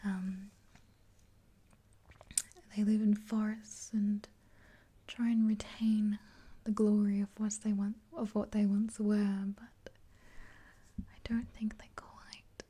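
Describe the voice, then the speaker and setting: A mellow, breathy whisper in a mid-range voice comes from a twenty-something ASMR creator positioned close to the mic and facing the camera. Playing a makeup artist friend, she talks to the listener in a soothing one-sided roleplay, keeping an even, unhurried pace broken by small hesitations. The setting is a small indoor room with a dark backdrop.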